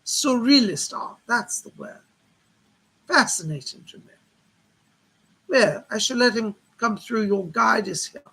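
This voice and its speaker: A refined gentleman spirit guide acted by a man as a trance seance medium chats politely and reminisces. The voice is creaky and husky with a bright edge, full of old-world courtesy. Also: high-pitched, expressive, a little slow, long pauses, full character voice, poor audio. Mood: genial, musing. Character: chatty cultured gentleman spirit guide, London art patron.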